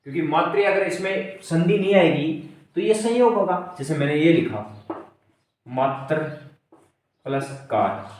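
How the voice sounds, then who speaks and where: Male teacher, grammar lesson, slightly high voice, answers his own questions, very echoey room, distant mic. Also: lively intonation, a little mellow. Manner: repeats questions and answers them himself; spells out word parts slowly. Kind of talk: exam-prep grammar lesson.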